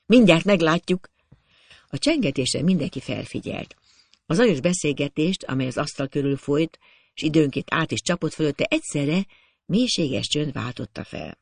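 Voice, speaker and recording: A man narrating a classic novel as an audiobook in a steady storytelling manner. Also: fairly high pitch, gravelly, slightly rough, no echo. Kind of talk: scripted narration.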